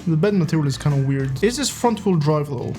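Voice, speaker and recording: A man's voice: a little high, expressive, brisk, dark tone, soft background music. Young man swearing through gameplay commentary. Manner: joking, swears often, laughs a lot. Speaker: streamer.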